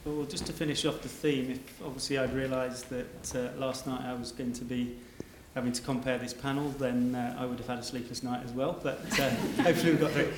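Very polite, halting man, echoey noisy room. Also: mid-range voice, little pitch movement. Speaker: event host. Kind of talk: formal event hosting remarks. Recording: echoey room with background noise.

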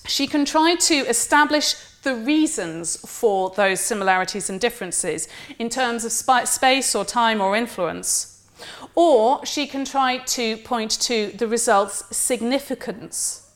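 A woman giving an academic lecture in a measured, precise way, sometimes correcting herself mid-phrase. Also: fairly high pitch. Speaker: university lecturer.

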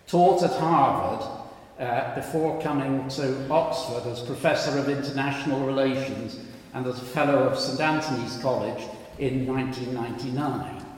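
A man chairing an academic session, making formal introductions in a measured, somewhat halting way. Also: medium pitch, darkish tone. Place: large reverberant lecture hall. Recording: very echoey hall, long reverb.

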